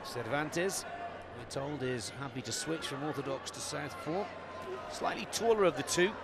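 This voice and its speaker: A man giving measured live boxing commentary in short, halting phrases. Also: fairly high pitch, creaky, a loud crowd.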